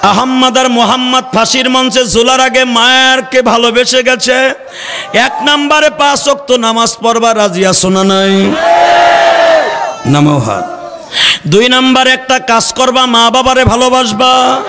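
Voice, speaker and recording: High-pitched preacher, tearful and impassioned, sing-song crying delivery, big reverb from a pa system. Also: male voice, fairly even intonation, moderate pace, crowd noise, background noise. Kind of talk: emotional sermon. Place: outdoor religious gathering with a large crowd.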